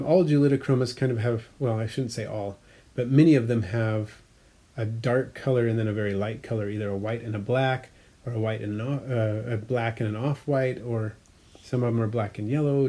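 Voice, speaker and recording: A fairly quick, mellow man's voice, mid-range and steady in tone, belongs to an aquarium hobbyist vlogger. Chatting casually about his tanks, he drifts a little, corrects himself, fills gaps with fillers and explains the hobby in detail.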